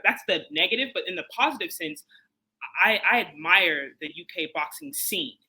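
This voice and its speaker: Man, from Chicago, boxing guest, animated casual talk, repeats himself, very bright tense tone. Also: high-pitched, moderate pace, low-quality recording. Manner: animated, repeats himself and restarts, many fillers. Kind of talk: casual interview chat.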